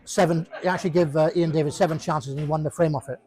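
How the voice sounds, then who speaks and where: A man's voice: on the high side, fairly even intonation, fast, darkish tone. A man giving casual, jokey live commentary on a pool match, rambling and repeating himself. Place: pub during a pool match.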